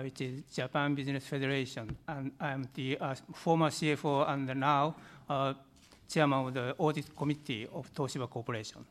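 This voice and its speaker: A man giving a hesitant self-introduction at a round-table meeting, with many fillers. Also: medium pitch. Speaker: meeting participant.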